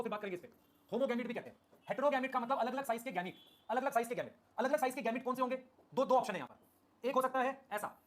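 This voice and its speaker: A man teaching a biology class live online, repeating key terms and asking "okay? clear?" while calling his students children. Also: very high-pitched. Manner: addresses students affectionately as children.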